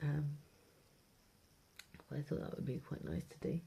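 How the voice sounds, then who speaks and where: Filming a food diary vlog at home, a British woman talks to camera in a low, gravelly, warm voice with a breathy edge, fairly even intonation and normal speed. She rambles hesitantly, trails off and repeats herself, all captured on noisy amateur footage.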